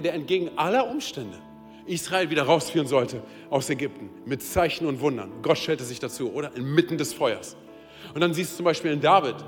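A man preaching a sermon in a casual, direct way, often calling out to the listener and building to urgent peaks. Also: in a large hall. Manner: casual, direct, keeps saying hey and oder; builds to loud, high-pitched urgency. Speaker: pastor. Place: church service.

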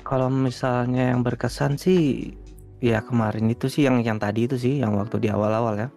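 A man, a guest streamer, chatting casually in an interview, relaxed and rambling with lots of fillers. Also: medium pitch, normal speed, creaky, faint music behind.

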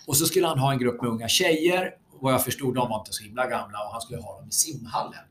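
A man speaking as a guest lecturer, telling stories animatedly and swearing freely in a relaxed conversation. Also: mid-range voice, a little hiss or hum. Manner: animated storyteller who swears freely and acts out quotes. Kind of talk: conversational podcast talk.

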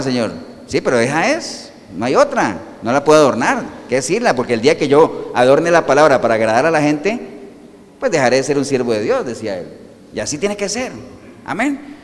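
Guy preaching in church, kinda high voice, keeps asking the crowd questions, big echoey hall. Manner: animated preaching with rhetorical questions. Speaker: pastor. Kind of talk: sermon.

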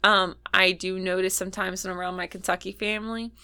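A woman's voice: medium pitch, fast, smooth. A young woman with a Midwestern accent, co-hosting a podcast in casual chat, rambling with lots of "like" fillers. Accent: Midwestern American. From US Midwest, Ohio. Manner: rambling, heavy "like" fillers, animated. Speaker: podcast co-host.

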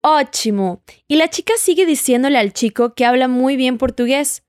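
In this audio language lesson, a woman teaching Portuguese speaks at normal speed in a slightly high voice that is smooth and somewhat dark in tone. She patiently keeps prompting the listener to repeat after her. The close, dry recording has no echo.

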